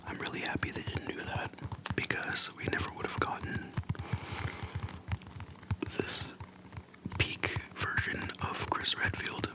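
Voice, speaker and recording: An ASMR creator whispers softly and breathily near the mic, making slow, relaxed conversation in short, gentle bits separated by pauses.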